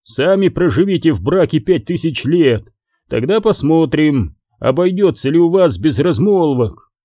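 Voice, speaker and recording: A man's voice: on the high side, expressive, measured pace, warm tone, no echo, clean studio sound. A man voicing the pompous, grumbling ghost of a male elf king. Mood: blustering.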